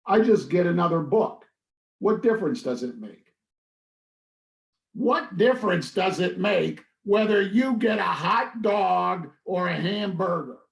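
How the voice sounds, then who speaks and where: A man from Philadelphia reading his poems and short prose at a spoken word event, in a blunt, deadpan delivery. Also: high voice, gravelly, echoey room, low-quality recording. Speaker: poet reading his work.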